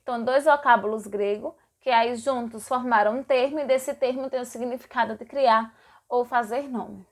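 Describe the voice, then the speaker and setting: A woman's voice: a little high, fairly even intonation, moderate pace. A woman teaching a lesson, repeating words and acting out sound effects. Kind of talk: explanatory lesson.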